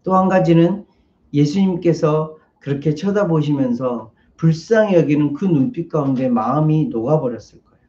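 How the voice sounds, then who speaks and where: A male pastor preaching with a mellow, fairly high voice. He acts out each character's lines by raising his voice. The recording echoes around the church and sounds a little dull. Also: animated, moderate pace. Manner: acts out the maid's and Peter's lines in a raised voice. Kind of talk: sermon. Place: church sanctuary.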